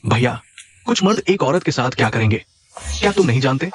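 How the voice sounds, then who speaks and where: An actor dubbing a spoiled, cruel younger brother from a rich family, sneering and vicious. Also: male voice, mid-range voice, sing-song, brisk, background noise, natural voice. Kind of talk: dubbed drama acting.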